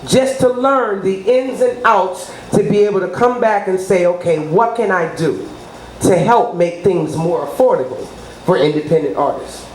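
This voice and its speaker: A middle-aged woman, darkish in tone and medium in pitch, talks at a normal speed while promoting herself as a radio personality in an interview. Her delivery is boastful and emphatic, peppered with rhetorical check-ins. The audio carries room echo and plainly audible background noise.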